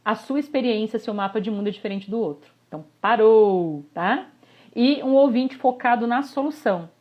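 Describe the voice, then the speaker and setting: A woman, a communication coach giving a live online workshop, animated and constantly checking in with her listeners. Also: a little high, normal speed. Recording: slightly dull lo-fi audio.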